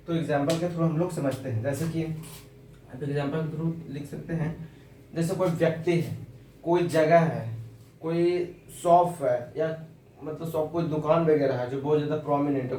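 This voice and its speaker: Indian english teacher guy, slow vocab lesson, spells stuff out, echoey room, faint hum behind. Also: a little high, dark tone, far from the mic. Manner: slow, spells words letter by letter.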